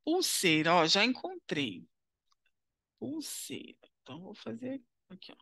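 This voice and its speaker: A woman's voice: medium pitch, wildly swooping pitch, unhurried, fairly bright tone, no room sound, clean studio sound. A woman with a Brazilian Portuguese accent, teaching a primary school lesson as she walks through a worksheet. She talks patiently and encouragingly, often checking in with the listener.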